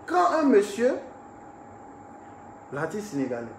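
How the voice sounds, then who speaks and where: Animated male storyteller in an echoey room. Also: sits high, unhurried, creaky. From Ivory Coast. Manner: animated storyteller, laughs while recounting. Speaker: musician interviewee. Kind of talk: casual recounting interview. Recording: echoey room with background noise.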